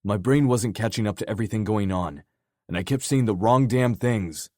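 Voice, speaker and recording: A man's voice: on the low side, moderate pace, darkish tone, no room sound, clean studio sound, pitched above the performer's own voice, natural voice. A man voicing a frustrated, defensive man in an audiobook who blames himself and curses under pressure. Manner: gruff, self-blaming.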